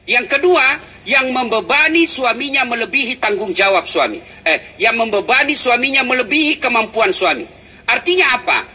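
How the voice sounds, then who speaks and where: Forceful animated male preacher. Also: very high-pitched, moderate pace, slightly rough. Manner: animated, teasing, swings into acted voices. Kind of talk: humorous sermon.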